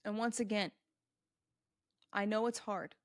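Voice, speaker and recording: A woman talks through a solo motivational podcast with earnest emphasis, often repeating her points and speaking straight to the listener. Her voice sits at an ordinary middle pitch for a woman. The sound is close and dry, with no room echo. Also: steady tone, unhurried. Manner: addresses the listener directly and answers imagined questions. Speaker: podcast host.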